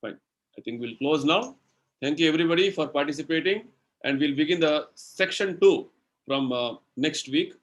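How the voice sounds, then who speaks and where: A man with an Indian English accent, his voice on the high side, answers questions as a spiritual speaker in a devotional lecture. He explains slowly and patiently, reaching for everyday examples and saying "you know" a lot.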